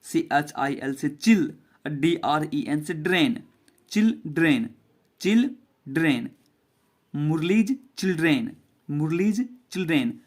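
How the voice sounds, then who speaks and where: A man's voice: on the high side, expressive. A man teaching a basic English reading lesson to children, spelling each word out letter by letter and repeating it. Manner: spells words letter by letter and repeats them slowly.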